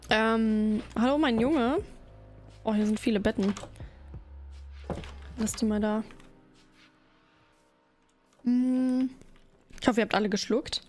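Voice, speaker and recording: High-voiced playful woman streamer. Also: darkish tone. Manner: playful, chatty, talks to chat while playing. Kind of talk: casual gaming livestream chat.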